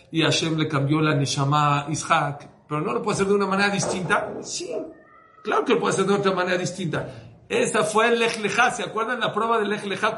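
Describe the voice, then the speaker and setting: A man's voice: on the high side, fairly bright tone. A man, a rabbi telling a story in a sermon to his weekly class, acting out the characters' lines and repeating words for emphasis. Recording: echoey room with faint noise.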